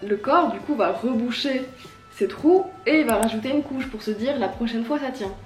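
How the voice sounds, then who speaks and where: A woman with a slightly rough morning voice, chatting casually to camera as a fitness vlogger in an informal, self-mocking, emphatic way. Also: a little high, expressive, moderate pace, faint music behind. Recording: roomy echo.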